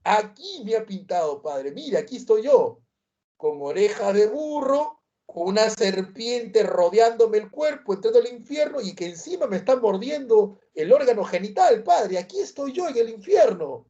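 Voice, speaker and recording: A man putting on a shrill whiny merchant. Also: big pitch swings, moderate pace, dark tone, lo-fi sound. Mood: aggrieved. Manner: high, whiny complaining. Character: indignant Renaissance merchant, adult man.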